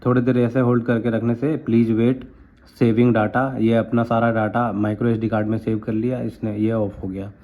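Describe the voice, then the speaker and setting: A man's voice: mid-range voice, little pitch movement, moderate pace, mellow. A man demonstrating a handheld recorder for his viewers, explaining each step directly to them as a tech reviewer. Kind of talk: product demo. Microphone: handheld portable recorder.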